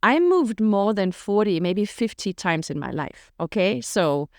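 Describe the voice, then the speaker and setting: A middle-aged Danish woman, a podcast guest, speaks frankly and openly about her past in lively storytelling peppered with "you know." Her voice is medium-pitched and unhurried, and the recording is dry with clean studio sound.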